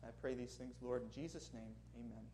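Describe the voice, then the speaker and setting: Speaking to a congregation in a church sanctuary, this guest preacher from Minnesota has a Minnesotan accent and a warm, medium-pitched voice. His delivery is fairly quick and fairly even, and the audio is poor. The sermon mixes prayer and storytelling, earnest and friendly, with chuckling asides.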